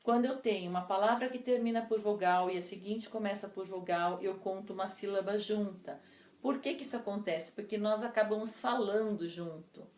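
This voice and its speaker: A woman teacher explaining poetic meter to her class, counting syllables slowly and deliberately. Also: mid-range voice, darkish tone. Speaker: literature teacher. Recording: echoey room.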